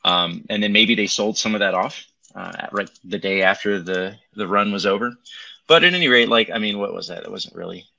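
A man's voice: on the low side, brisk, vocal fry, bright, forceful tone. A man talking casually through a tinny Bluetooth mic, rambling loosely with lots of ums as he walks through crypto charts on a livestream. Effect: tinny Bluetooth mic sound. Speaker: crypto market commentator. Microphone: Bluetooth headset.

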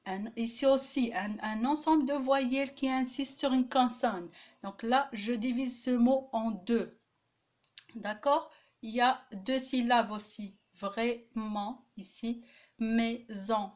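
A woman teaching a French lesson, slowly repeating words and pausing with hesitations. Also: on the high side, fairly even intonation. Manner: repeats each word slowly, clapping out syllables; frequent hesitations and restarts. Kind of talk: slow classroom lesson.

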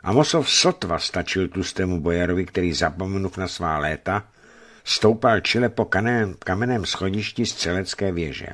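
A man reads a historical novel aloud with measured, expressive narration. His voice is very low yet moves widely in pitch. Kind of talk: scripted audiobook narration.

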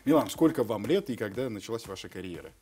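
A young man hosting a morning TV show, playful and teasing, laughing often in a bright studio on a lapel mic. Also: on the low side, lively intonation, fast talker, faint music behind. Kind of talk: joking TV studio interview.

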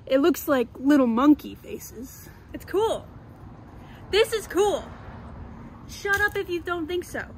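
High-voiced young woman rambling in her garden. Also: lively intonation, takes it slowly, pauses often, a little hiss or hum, low-quality recording. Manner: rambling, jokey and self-mocking, talking to the camera while gardening. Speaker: vlogger. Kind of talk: casual chat. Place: outdoors in a backyard garden.

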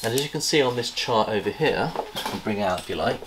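Speaking at a fairly low pitch and in an animated way, this middle-aged snake breeder chats enthusiastically through a casual show-and-tell vlog in his indoor reptile room. He stops now and then to remember details. The camera sits across a table, and there's background noise.

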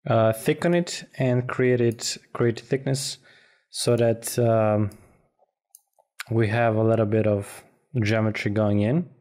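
A man narrating an informal software tutorial as instructor, speaking haltingly and often repeating words. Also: mid-range voice. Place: voice-over for a screen recording.

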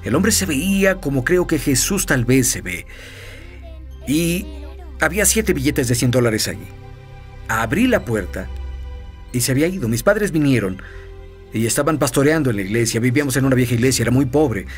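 Male minister guest, animated testimony storyteller, soft music bed. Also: medium pitch, normal speed, long pauses. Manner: lively storytelling with chuckles and fillers. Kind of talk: personal testimony in a TV interview.

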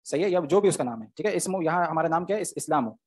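A man's voice: on the high side, animated, racing, a little mellow, husky. A man, teaching Arabic grammar in an online class, explaining step by step and often checking "okay?" with his students.

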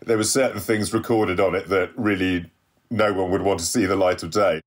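A man's voice: deep voice, steady tone, moderate pace. A man being interviewed about making a documentary, speaking discreetly with a chuckle. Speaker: documentary filmmaker guest. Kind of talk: casual interview chat.

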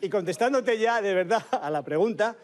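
A man telling comic anecdotes on a panel show, excitable and stumbling over his words. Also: high voice, normal speed. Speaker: comedy panel guest. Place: TV studio panel.

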